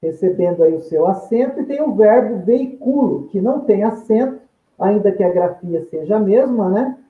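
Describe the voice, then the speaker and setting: A man's voice: sits high, expressive, normal speed. A man, a grammar teacher giving a video lecture, explaining step by step and answering his own questions. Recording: tinny phone-like sound in an echoey room.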